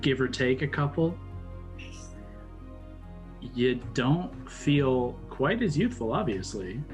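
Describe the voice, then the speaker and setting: Guy running a dnd game, slow dramatic pauses, faint music behind. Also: medium pitch, very animated. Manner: halting, dramatic descriptions with pauses. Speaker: game master. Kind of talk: narrating a tabletop role-playing game.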